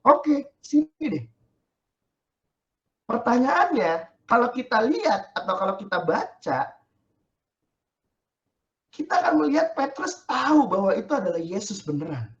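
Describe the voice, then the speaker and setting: A man's voice: sits high, sing-song, normal speed, pauses often, lo-fi sound. A male pastor giving a chatty, joking sermon in casual slang and reading scripture.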